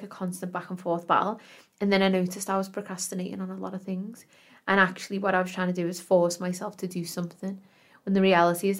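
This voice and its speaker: A woman's voice: mid-range voice, a bit bright. A woman podcast host speaking in an earnest, affirming self-help influencer manner, reflecting aloud and addressing the listener directly.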